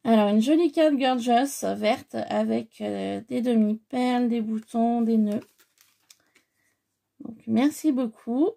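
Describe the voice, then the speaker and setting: A woman with a slightly high, gravelly voice talks through an unboxing in a casual, effusive way. She hesitates often, dotting her speech with fillers as she goes. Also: warm tone. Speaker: scrapbooking vlogger.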